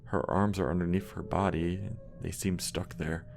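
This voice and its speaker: Low gravelly dude reading a creepy horror story, steady and measured, music playing under him. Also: male voice. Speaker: narrator. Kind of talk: scripted horror story narration.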